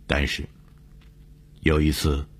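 A man narrating a broadcast story in a measured, dramatic way. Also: very deep voice, monotone, slightly rough.

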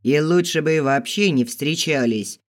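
A man voicing a proud, hostile young female dancer who speaks in a rough, scornful way. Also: fairly high pitch, a little slow, natural voice.

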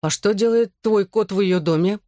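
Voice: medium pitch, normal speed, dark tone, no echo, clean studio sound, close to an everyday voice. A reader voicing a blunt, mocking teenage girl in an audiobook. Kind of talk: audiobook character voice.

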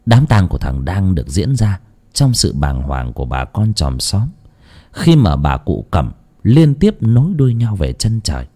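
A man's voice: sits low, big pitch swings, moderate pace, dark tone. A man narrating a ghost story in a dramatic storytelling manner.

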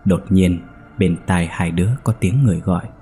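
A man narrating a ghost story in a steady, measured way. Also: sits low, soft background music.

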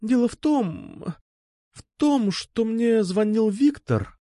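A man voicing an eager, insistent young woman who keeps pressing to come over, with hurried pleading lines. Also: high-pitched, expressive, dark tone, no echo, studio quality, pitched above the performer's own voice. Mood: anxious. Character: young woman, eager, pushy, uneasy schoolgirl.

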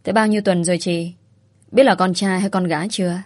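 A woman reading a smug young teacher, needling and teasing, lowish voice, storybook telling. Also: steady tone, brisk, darkish tone, no echo, lightly acted.

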